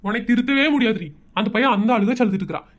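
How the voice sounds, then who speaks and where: A woman's voice: a little high, racing, lightly acted. A woman voicing an exasperated village father in a cartoon comedy, scolding in a rural Tamil Nadu accent.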